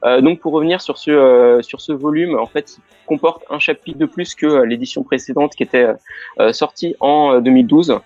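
A man's voice: fairly high pitch, a little fast, darkish tone, no room sound, dull audio, soft background music. A man talking casually on a show, hesitant and full of fillers. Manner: hesitant, many fillers and restarts. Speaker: guest on a show. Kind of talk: casual radio show chat.

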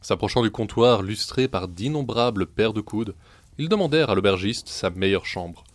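Low-voiced man telling folk tales. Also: expressive, no echo. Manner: measured storytelling, voicing characters in quotes. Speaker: storyteller. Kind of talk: scripted narration of folk tales.

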